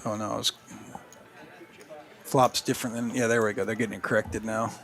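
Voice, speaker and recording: A man giving live poker commentary as play-by-play, in a measured, halting delivery with pauses as he thinks. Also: fairly low pitch, little pitch movement, fairly bright tone.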